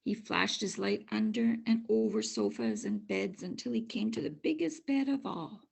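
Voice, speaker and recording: Husky older woman reading a storybook. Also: medium pitch, big pitch swings, moderate pace, a little mellow, rough recording. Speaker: storybook reader. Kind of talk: children's storybook narration.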